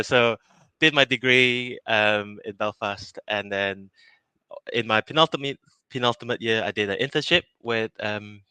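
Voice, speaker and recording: A man's voice: fairly low pitch, sharp tone, clean tone, no echo. A man from Malaysia in his thirties, answering interview questions casually, with many fillers, restarts and easy laughs. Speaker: innovation project lead.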